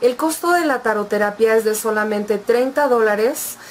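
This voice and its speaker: A woman's voice: on the high side, moderate pace, slight background noise. A woman vlogger giving casual, reassuring advice, speaking straight to her viewers in an affectionate way. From Mexico. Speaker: vlogger and tarot reader.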